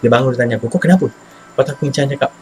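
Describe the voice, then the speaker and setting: A man with a Malaysian Malay accent casually telling his own ghost story, animated and slangy, bursting into his own panicked shouts. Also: mid-range voice, racing, faint music behind, poor audio. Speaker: channel host telling a personal ghost story.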